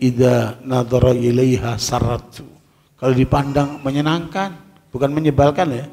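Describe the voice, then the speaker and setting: A man preaching a lively sermon to a group of women, joking and quizzing his listeners. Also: medium pitch. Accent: Indonesian. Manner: lively, jokey, quizzes the audience. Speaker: Islamic preacher. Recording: echoey hall reverb.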